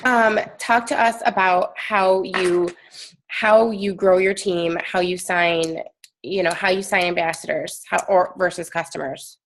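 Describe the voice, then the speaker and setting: A woman hosting a call, speaking softly and encouragingly as she asks the guest questions. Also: on the low side, steady tone, measured pace, slight background noise. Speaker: call host.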